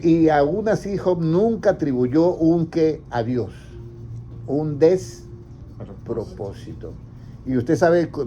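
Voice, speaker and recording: Preaching in a mid-range, dark voice, this pastor keeps quizzing his congregation and then answering his own questions. It's an interactive sermon, and the audio is a little dull with a faint hum of background noise.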